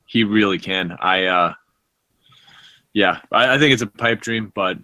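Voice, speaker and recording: A man's voice: lowish voice, measured pace, sharp tone, no echo. A young man on a video call chatting casually about football, musing and hesitant. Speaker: football coach, clinic guest. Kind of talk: casual chat.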